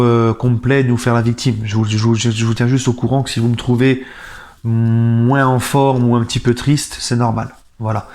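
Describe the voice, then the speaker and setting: A man's voice: mid-range voice, a little mellow. Grieving man in his thirties, subdued. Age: 30s. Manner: subdued and sad, then indignant ranting. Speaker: football fan channel host. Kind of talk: casual vlog monologue.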